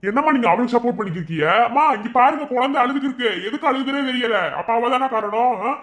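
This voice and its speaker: A man's voice: very high-pitched, quick pace, a bit bright. A man playing a hot-tempered young husband who keeps blaming his wife in a family skit. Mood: angry. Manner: angry, accusing, quarrelsome. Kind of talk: amateur village drama acting.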